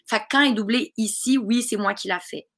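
A woman's voice: a little high, quick pace, fairly bright tone. A woman with a Québécois accent, a dubbing actress chatting casually as a guest and laughing often. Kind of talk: casual interview chat.

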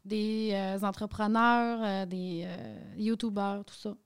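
A woman's voice: medium pitch, steady tone, slow, clear, resonant tone. A woman with a Quebec French accent, a mother of a toddler, explaining things thoughtfully with many hesitations. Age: adult with a young child. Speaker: panel guest. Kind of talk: casual panel discussion.

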